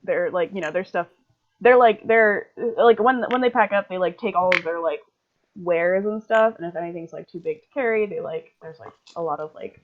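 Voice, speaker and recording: A woman's voice: on the low side, moderate pace. Woman game master, chatty and rambling, casual narration on a dull lo-fi call line. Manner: rambling, heavy on filler words.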